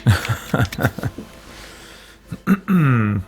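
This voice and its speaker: Talking very slowly in a slightly rough, medium-pitched voice that swings widely in pitch, a man mumbles his way through game menus as he plays. Keyboard clicks and game music run behind his casual, thinking-out-loud commentary.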